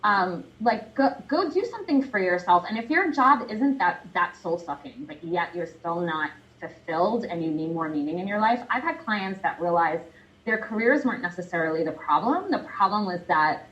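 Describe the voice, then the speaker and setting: A woman career coach answering a question in an interview, animated and chatty, laughing often and talking with lots of fillers. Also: fairly low pitch, moderate pace, lo-fi sound.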